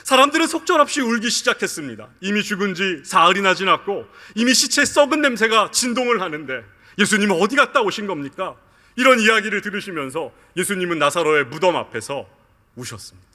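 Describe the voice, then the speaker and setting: A man preaching a sermon, his voice bright and forceful with a pitch that climbs and falls in lively arcs. He leans on each line he quotes and keeps turning to speak to his listeners. His words ring out through a long church reverb. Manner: earnest preaching, drawn-out quoted lines, addresses the congregation often. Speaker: pastor. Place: church sanctuary.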